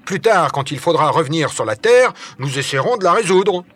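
A man's voice: a little high, expressive, normal speed, a bit bright, husky, voice pushed up. A man voicing a stern male expedition leader in a storybook reading, firm and emphatic.

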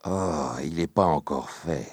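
Heartbroken jealous fisherman, muffled and quiet, read by a deep-voiced man. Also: very slow, no room sound, studio quality, heavily acted. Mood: sullen.

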